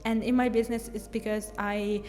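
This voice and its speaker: Her Italian accent comes through as a young brand designer and content creator chats openly in a casual Q&A vlog about her design business, English being her second language. Delivery is brisk and flat in a mid-range, slightly mellow voice, full of "like" fillers; the audio has a long reverb tail plus a little hiss or hum.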